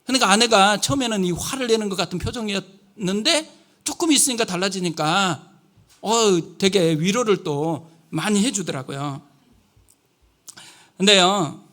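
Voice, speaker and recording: Male guest pastor, high bright voice, animated storytelling sermon. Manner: storytelling, vivid and animated, asks the congregation questions. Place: church sanctuary.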